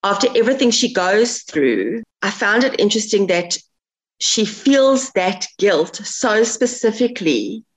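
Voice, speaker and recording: A woman's voice: mid-range voice, animated, a little slow, poor audio. A woman interviewing an author about her book. She asks thoughtful, earnest questions and often restarts her sentences.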